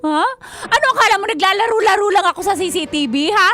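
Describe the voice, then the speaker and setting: A woman's voice: very high-pitched, fast, heavy background noise. A woman radio DJ playing a jealous young wife in a comedic radio skit, with accusing outbursts and pop music underneath. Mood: furious, shouting. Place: radio studio. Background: background pop music.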